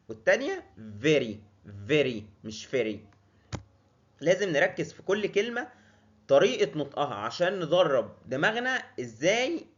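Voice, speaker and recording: A young man with an Egyptian Arabic accent teaching English pronunciation in a casual lesson, repeating drilled words slowly with many fillers and restarts. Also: on the high side, a bit bright, highs cut off.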